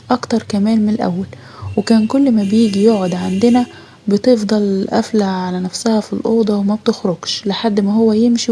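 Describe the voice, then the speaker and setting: A woman's voice: medium pitch, dark tone, breathy edge. A middle-aged woman with an Egyptian Arabic accent narrating a first-person audio story in a confessional, dramatic way.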